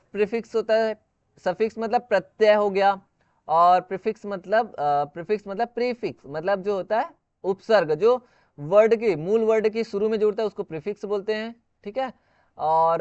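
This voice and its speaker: A man with a high, smooth voice gives a video lesson on English pronunciation. He reads each rule slowly and then explains it again step by step. The sound is dry and close, a little dull. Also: a little mellow, no room sound. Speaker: English teacher.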